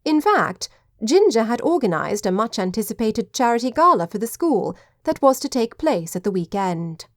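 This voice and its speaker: A woman reading audiobook narration in a measured, even way. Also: fairly high pitch, no echo, clean studio sound. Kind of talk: scripted narration.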